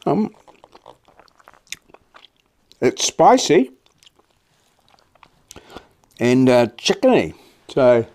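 A middle-aged man with a New Zealand accent, chatting casually to camera in a halting, laconic, blokey way. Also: medium pitch, sing-song, a little mellow. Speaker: vlog host. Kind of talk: casual chat to camera while eating. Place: small cluttered home office, indoors.

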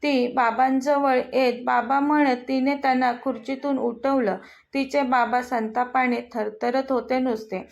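A woman storyteller reading a scripted story in a steady, even way. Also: high-pitched, a little slow, gravelly.

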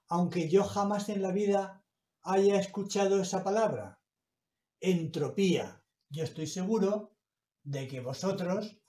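A man teaching a grammar lesson, explaining slowly and stretching out the example words. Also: sits high, dark tone. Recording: echoey room.

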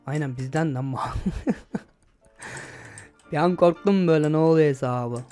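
A young man giving casual gameplay commentary, excitable, shouting and swearing at the game as he plays. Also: fairly high pitch, moderate pace, clear, resonant tone, soft background music. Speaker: gaming YouTuber.

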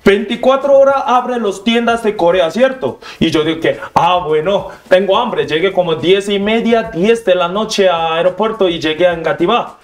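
High-voiced Korean man telling stories. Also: moderate pace, hardly any pauses. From South Korea. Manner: acts out scenes, jumps high for quoted lines, broken learner's Spanish. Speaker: interview guest. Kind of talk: animated storytelling in an interview.

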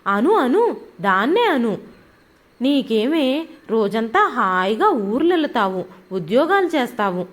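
A woman voicing a bitter, sharp-tongued older mother-in-law in a storybook reading, with a shrill, scolding voice. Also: animated, a little slow.

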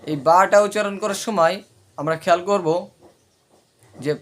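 Bangladeshi guy teaching quran letters, high voice, chants sounds over and over. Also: moderate pace, a little hiss or hum. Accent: Bangladeshi Bengali. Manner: repeats drills, chants syllables loudly, checks understanding. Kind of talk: teaching Arabic letter pronunciation.

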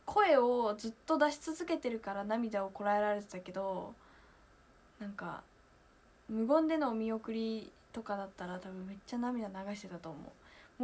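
A young woman in her twenties, chatting casually on a solo livestream, emotional and talkative, moving from loud bursts to hushed asides. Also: a little high. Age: 20s. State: near tears at times. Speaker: idol streamer.

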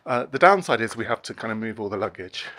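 This man in his forties vlogs his travels on foot, commenting casually to a handheld phone or camera held at arm's length as he moves through narrow night streets. He speaks fast and animatedly, his fairly low voice pushed and bright.

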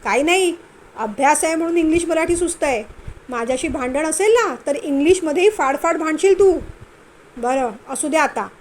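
A stern, impatient young husband who scolds and teases, voiced by a woman narrator. His lines come a touch high, loud and sharp. It is a spoken storybook with a faint hum underneath. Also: animated, normal speed. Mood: scolding.

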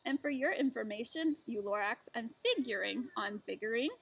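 A woman voicing a stubborn, greedy male businessman who shouts back indignantly during a storybook read-aloud. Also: a little high, expressive, normal speed, gravelly, a crowd in the background. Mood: angry. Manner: indignant, loud, insistent.

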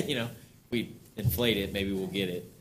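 A man's voice: fairly low pitch, expressive, a little slow, a little hiss or hum. A middle-aged man presenting at a town board meeting in a council chamber, talking casually and chuckling between points. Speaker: parks director presenting to a board. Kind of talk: public meeting discussion.

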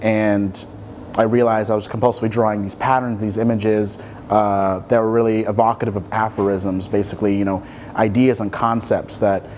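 A young man with a low voice talks about himself in a quiet studio, pausing often with ums and restarting sentences as he thinks. His delivery is relaxed and unhurried. A faint hiss sits under the recording. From Ethiopia, raised across Africa. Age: 20s. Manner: thoughtful, many ums and restarts. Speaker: guest artist. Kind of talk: relaxed interview answers. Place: dim studio with armchairs.

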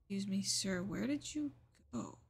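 A woman's voice: medium pitch, animated, a little slow, gravelly, background noise. A woman streaming a game, chatting casually and grumbling through joking asides. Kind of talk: casual gameplay chat.

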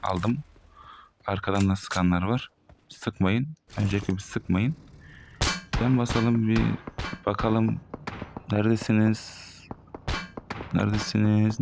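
Excitable young man calling out gameplay. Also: on the low side, a little slow, gravelly, long pauses, noisy background. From Turkey. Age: 20s. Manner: excitable, swears and bursts out loud at enemies. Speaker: gaming streamer. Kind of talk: live gameplay commentary. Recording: game gunfire behind the voice.

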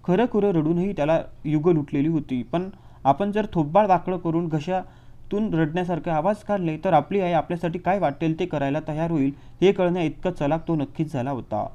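A man narrating an audiobook in a lively, expressive reading style. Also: fairly high pitch, a little fast, muffled recording. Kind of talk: storybook narration.

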